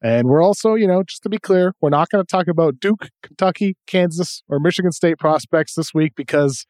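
A man with a light Boston accent hosting a basketball podcast, brisk and upbeat as he steers the talk. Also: a little high, a little mellow, no room sound, clean studio sound. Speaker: podcast host. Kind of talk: casual basketball chat.

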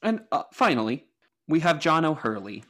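A man's voice: on the high side, very animated, normal speed, a bit bright. A man co-hosting a podcast, joking in a mock-formal, self-mocking way and laughing often. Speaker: podcast co-host. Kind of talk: casual comedic chat.

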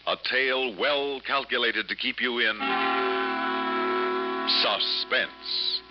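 A man's voice: medium pitch, slow. A man working as an old-time radio announcer, reading scripted copy in a formal, dramatic way. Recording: dull old radio recording, music behind.

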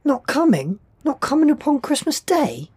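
A man playing a gentle, doting poor father in an audio drama, speaking tenderly and earnestly. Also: extremely high pitch, huge pitch swings, normal speed, heavily acted. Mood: dismayed. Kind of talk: audio drama acting of Dickens.

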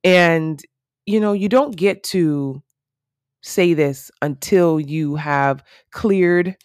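A woman's voice: fairly low pitch, very slow, a little mellow, smooth, no room sound, clean studio sound. A woman in her thirties hosting a solo podcast, talking in an earnest, reflective and rambling way with many fillers. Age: 30s. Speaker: podcast host.

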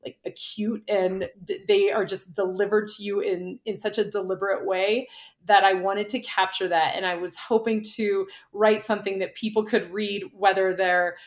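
A woman's voice: medium pitch, little pitch movement. Chatty woman cyclist telling stories. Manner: chatty, quick storyteller with frequent "like". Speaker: guest, former pro cyclist and coach. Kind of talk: casual interview chat.

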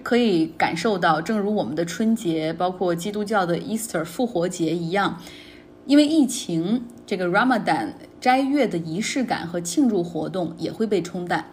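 A woman's voice: fairly low pitch, animated, normal speed, slight background noise. A woman hosting a daily news podcast, commenting on the day's stories in a conversational, opinionated way. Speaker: podcast host.

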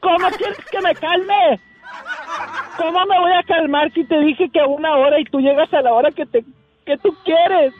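A man voicing his angry middle-aged mother, scolding in a shrill, exasperated way, on a muffled lo-fi recording. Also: moderate pace, hardly any pauses, soft background music. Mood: indignant.

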